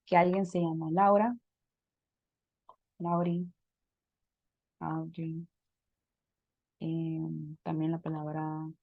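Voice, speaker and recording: A woman's voice: sits low, little pitch movement, drawn-out words, creaky, pauses often, no echo, narrow, tinny audio. A woman teaching a pronunciation class over a video call, explaining step by step and checking in with her students. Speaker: English teacher.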